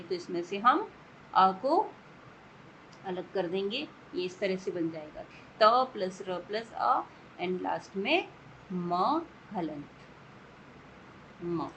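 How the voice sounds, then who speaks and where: A woman teacher explains a lesson at a slow, deliberate pace, breaking each word into parts. She talks patiently, repeating herself and asking if it is clear. A faint hiss of room noise sits under her voice. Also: medium pitch, fairly bright tone, low-quality recording. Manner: mixes English words into Hindi. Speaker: Sanskrit teacher.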